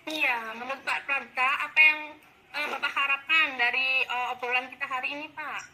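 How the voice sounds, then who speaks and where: A woman's voice: sits high, steady tone, a little fast, pushed and bright, a little hiss or hum, low-quality recording. A woman acting as coach in a coaching role-play, speaking politely and encouragingly, with frequent affirmations. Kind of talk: role-played coaching session.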